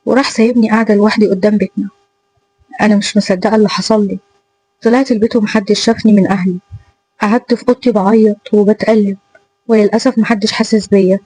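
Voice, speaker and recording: A woman's voice: medium pitch, fairly even intonation, fast, mellow, slightly rough, low-quality recording. A woman with an Egyptian accent narrating a painful first-person story in an emotional way. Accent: Egyptian Arabic. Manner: emotional, pained retelling.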